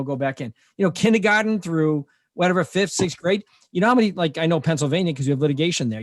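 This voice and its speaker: A man with a Boston accent talks with fired-up indignation, stacking rhetorical questions and filling gaps with "you know". His voice sits a little high for a man. The sound is dry and close, with no room around it. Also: no echo. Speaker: co-host, lawyer. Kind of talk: opinionated talk show discussion.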